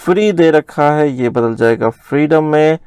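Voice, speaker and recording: Man teaching grammar slowly. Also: fairly high pitch, a little mellow, smooth, dry recording. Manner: slow, spells words out letter by letter. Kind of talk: recorded grammar lesson.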